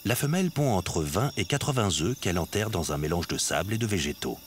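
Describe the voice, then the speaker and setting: A man's voice: deep voice, lively intonation, a little fast, slight background noise. A man reading scripted nature documentary narration. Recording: music behind the voice.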